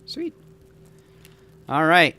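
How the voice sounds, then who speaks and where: A man's voice: a little high, wildly swooping pitch, extremely slow, sharp tone, faint music behind. A man casually talking through building a game scenario, thinking aloud with enthusiastic, rambling asides. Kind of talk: casual gameplay commentary.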